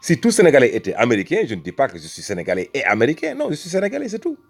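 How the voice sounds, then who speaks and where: Speaking rapid-fire in a creaky, medium-pitched voice whose pitch swoops wildly, a Senegalese religious speaker argues his point with emphatic rhetoric. He repeats phrases and addresses the listener as brother, with faint music behind him.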